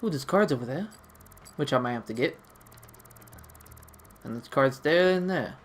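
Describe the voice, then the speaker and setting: A man's voice: mid-range voice, expressive, normal speed, slight background noise. A man giving casual, rambling gameplay commentary, playfully talking to himself and the game. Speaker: let's-play gamer.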